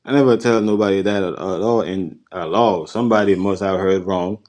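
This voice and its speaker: A man from the Virgin Islands, speaking with an island accent, appears as a panel guest in a casual live-stream chat. His voice is deep and a little mellow, and he repeats himself defensively with many halting restarts.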